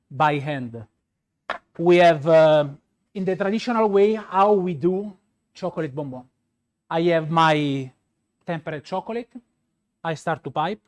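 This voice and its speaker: Slow-talking man with Roman Italian accent. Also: fairly high pitch. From Rome, Italy. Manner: halting, searching for words; repeats points for emphasis. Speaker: pastry chef demonstrator. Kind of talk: live product demonstration.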